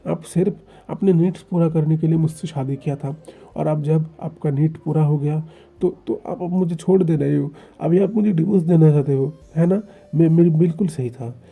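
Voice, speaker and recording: A man's voice: a little high, normal speed, gravelly, breathy edge, phone-quality sound. A man voicing a hurt young man who accuses his husband in a stammering, faltering voice. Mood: accusing.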